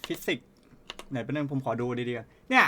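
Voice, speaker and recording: A young man commentating a horror game from home, cursing a lot and swinging from hushed muttering to loud yelling. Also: mid-range voice, big pitch swings, fairly quick, over music. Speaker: game streamer.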